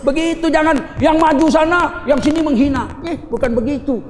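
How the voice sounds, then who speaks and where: A middle-aged man preaching a lively sermon with funny stories, animated and teasing, acting out little scenes as he goes. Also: very high-pitched, brisk, a little hiss or hum. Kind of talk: lively sermon with humorous anecdotes. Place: large hall at a gathering. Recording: echoey hall, faint ambience.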